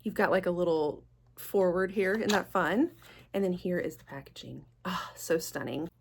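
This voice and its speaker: A woman's voice: lowish voice, moderate pace, creaky, slight background noise. A woman hosting a casual, chatty fragrance review vlog in a gushing, enthusiastic manner. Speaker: fragrance vlogger, channel host.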